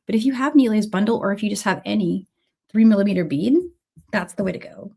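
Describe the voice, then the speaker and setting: This woman's voice is medium-pitched, fast, gravelly, dark and husky. She has a cold and coughs now and then while running a casual beading tutorial on livestream, chatting with viewers by name.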